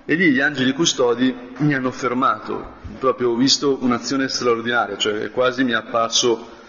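A man of middle pitch preaching a relaxed, chatty meditation as a priest, clearing his throat now and then. His voice rings with a long hall reverb, and the recording sounds a little dull and lo-fi. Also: normal speed, a little hiss or hum. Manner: conversational, often clears his throat and adds a questioning tag. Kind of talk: spoken meditation sermon.

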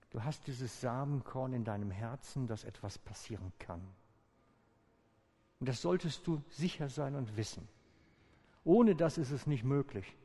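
A male pastor with a gravelly, mellow, medium-pitched voice delivers a sermon in a calm, inviting way, deliberately slowing and pausing. A long reverb carries his words through a large church hall.

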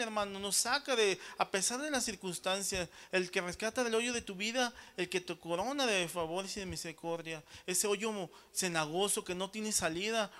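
A man's voice: sits high, pushed and bright. A man preaching a sermon, often calling the congregation brothers and checking in with them after each point. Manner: addresses listeners as brothers.

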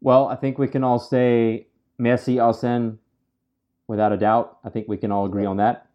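Male host, middle-pitched, blunt and swearing, muffled podcast recording. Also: little pitch movement, moderate pace. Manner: blunt and emphatic, swears freely. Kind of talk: casual sports chat.

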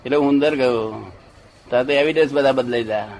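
A man's voice: mid-range voice, fairly quick, a little mellow, a little hiss or hum. An older man telling a rambling anecdote in casual chat, often checking that his listener follows. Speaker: storyteller.

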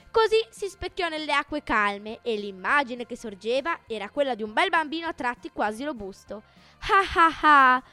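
A woman narrating a children's story on the radio in a gentle, expressive way. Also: high-pitched.

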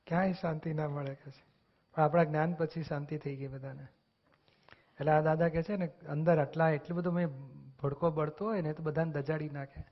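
Man explaining spiritual teachings, lo-fi. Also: on the high side. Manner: earnest, explanatory, acts out quoted dialogue. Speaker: spiritual discussion speaker. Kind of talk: religious discourse explanation. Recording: dull lo-fi recording.

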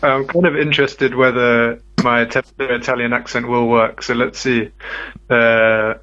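Man with a British accent running a casual quiz, halting delivery, muffled remote line. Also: medium pitch, flat delivery, sharp tone. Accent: British English. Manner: hesitant, filler-heavy, laughs often. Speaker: guest quizmaster. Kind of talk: casual live radio chat.

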